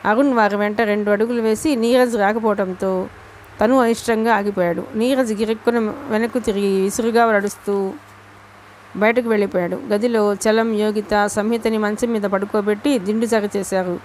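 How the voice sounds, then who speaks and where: A woman's voice: medium pitch, steady tone, normal speed, a little mellow, slight background noise. A woman narrating a romance novel as an audiobook, telling the story steadily and sometimes restarting a word. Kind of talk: reading a Telugu novel aloud.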